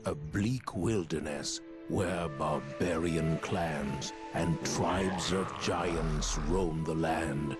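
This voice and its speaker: An actor playing a grave, solemn storyteller, giving portentous scripted narration for a fantasy game intro. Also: male voice, extremely low pitch, very slow, few pauses, full character voice. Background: music.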